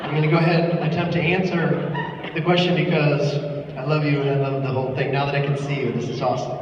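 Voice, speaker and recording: A man's voice: on the high side, little pitch movement, quick pace. A man on a live panel, casually bantering and giving playful, easygoing, rambling answers to fans. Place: large hall at a convention panel. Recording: echoey hall, distant, muffled, noisy room.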